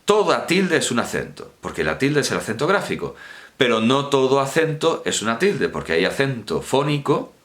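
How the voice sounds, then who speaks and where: A man's voice: medium pitch, sing-song, normal speed, a bit bright. A man giving an informal university lecture, digressive and colloquial, correcting himself and repeating key words.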